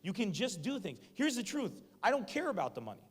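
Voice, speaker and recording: A man's voice: high-pitched, big pitch swings, fairly quick, breathy edge. A man, a stand-up comedian, giving a motivational talk to students, joking and questioning the audience directly. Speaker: guest speaker, stand-up comedian. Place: university hall before a student audience. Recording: echoey lecture hall.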